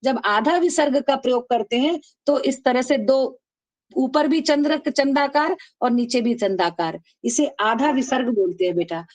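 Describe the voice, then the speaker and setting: Woman teacher, high voice, online lesson, slow drilling chants. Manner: calls students "beta", drills them call-and-response; chants rules slowly, syllable by syllable. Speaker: Sanskrit teacher. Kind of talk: online class lecture.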